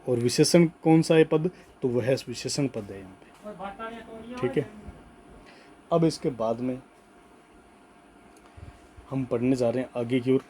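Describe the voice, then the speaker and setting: Mellow-voiced man teaching grammar. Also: medium pitch, lively intonation, a little hiss or hum. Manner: slow emphatic dictation, repeats words, frequent "ठीक है". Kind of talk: Hindi grammar lesson, dictating notes.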